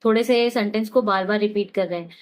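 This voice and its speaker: A woman teaching spoken English, explaining in a chatty, encouraging way and saying each practice sentence very slowly, again and again. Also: mid-range voice. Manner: says English model sentences very slowly and repeats them; chatty, encouraging classroom talk. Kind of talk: spoken English lesson in Hindi.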